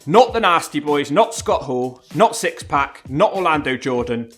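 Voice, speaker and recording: A man's voice: on the high side, expressive, a little slow. A man narrating a scripted countdown commentary in a wry, informal and emphatic way. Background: background music.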